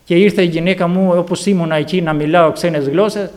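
Fervent male preacher, fairly high voice. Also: steady tone. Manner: fervent, repeated hallelujahs and calls to the congregation; swings between loud exclamations and quiet storytelling. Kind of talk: sermon with personal testimony.

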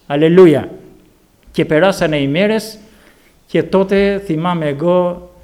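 A male preacher with a slightly high voice delivers a fervent sermon, telling his own story to the congregation. He rises to loud, ringing exclamations of praise, then drops into quiet, confiding storytelling. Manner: fervent, repeated hallelujahs and calls to the congregation. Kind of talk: sermon with personal testimony.

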